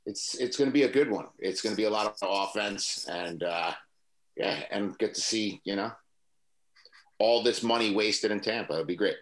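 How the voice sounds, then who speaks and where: A man's voice: on the low side, moderate pace, fairly bright tone. A man co-hosting a sports podcast, rambling through his thoughts with lots of fillers. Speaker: podcast co-host. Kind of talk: casual sports chat.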